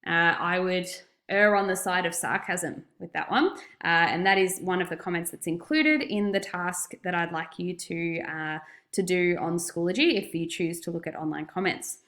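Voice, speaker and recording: A woman's voice: fairly low pitch, moderate pace, a bit bright. Australian woman teaching in an echoey room. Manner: instructive, emphatic on key points. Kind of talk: recorded classroom lesson, explanatory. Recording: roomy, echoey voice recording.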